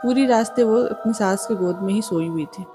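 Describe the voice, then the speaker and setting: A woman's voice: medium pitch, normal speed. A woman casually retelling a true horror story as the channel's storyteller. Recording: music playing behind the voice.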